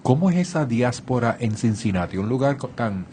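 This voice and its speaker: A man's voice: mid-range voice, animated, moderate pace, warm tone, slight background noise. A man hosting a radio interview, asking thoughtful, hesitant questions. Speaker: radio host.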